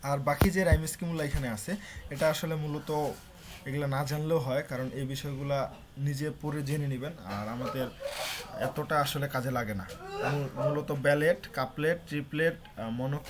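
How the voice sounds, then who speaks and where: A man's voice: mid-range voice, fairly even intonation, normal speed. A young man teaching an online class, mixing English terms into his explanations with frequent "uh" fillers. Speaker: lecturer.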